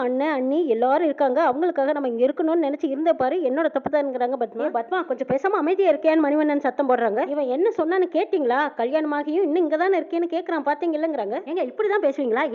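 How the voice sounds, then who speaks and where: A woman retelling a TV serial episode quickly, narrating and voicing the characters' lines in an animated way. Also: sits high. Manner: rapid, animated storytelling that slips in and out of quoted dialogue. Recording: tinny phone-like audio.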